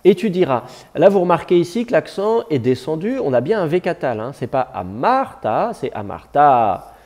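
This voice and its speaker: Patient male teacher, mellow voice. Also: on the high side, expressive, a little fast. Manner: patient, explanatory, many fillers and restarts. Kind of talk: classroom lesson.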